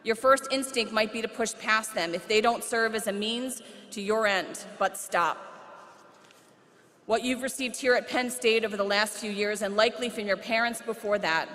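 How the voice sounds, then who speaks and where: A woman's voice: mid-range voice, a bit bright. Woman giving a commencement speech in a hall. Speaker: commencement speaker. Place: large hall. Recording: hall with long reverb.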